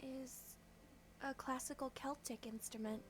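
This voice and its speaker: A man voicing a shy, bookish teenage girl while reading a visual novel aloud. She speaks in soft, halting, hesitant bits. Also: extremely high pitch, steady tone, background noise, pitched above the performer's own voice. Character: shy stammering teenage schoolgirl, quiet and bookish.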